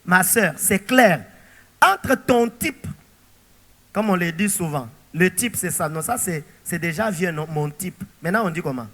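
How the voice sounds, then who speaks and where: A male pastor preaching a sermon, animated and throwing rhetorical questions to the congregation. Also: sits high, measured pace, long reverb tail.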